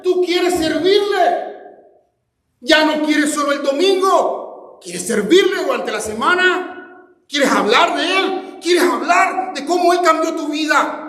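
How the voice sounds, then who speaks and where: A male pastor with a strikingly high voice delivers an impassioned sermon, talking straight to his congregation and climbing into shouts. He sounds like he is in a large church hall, with echo and a long reverb trailing each phrase. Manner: impassioned preaching, rises to shouts, addresses the congregation directly.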